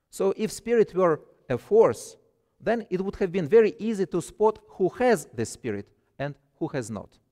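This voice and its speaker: A middle-aged man with a Russian accent, a guest pastor reading a sermon from the pulpit in a measured, deliberate way. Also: fairly high pitch, a little mellow, in a large hall. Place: church sanctuary, at a pulpit.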